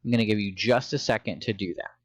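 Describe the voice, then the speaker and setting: A man's voice: on the low side, steady tone, quick pace, dry recording. A man teaching a phonics and reading lesson to young children, with patient, encouraging instructions.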